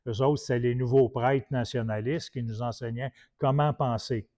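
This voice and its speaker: A man's voice: mid-range voice, fairly even intonation, normal speed, mellow. A man from Quebec with a Québécois French accent, preaching in a colloquial, anecdotal style full of restarts. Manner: colloquial storytelling with many restarts. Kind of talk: anecdotal teaching talk.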